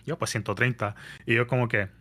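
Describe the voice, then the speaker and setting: A man, telling a story in casual podcast chat, animated and mixing in English words. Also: mid-range voice, a little fast. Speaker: podcast guest. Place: New York area.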